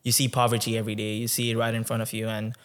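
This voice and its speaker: Podcast guest, man in his 20s from Tanzania; smooth, even voice, easygoing and thoughtful, lots of "um". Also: lowish voice. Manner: relaxed, many "um"s, measured and reflective. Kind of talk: conversational interview.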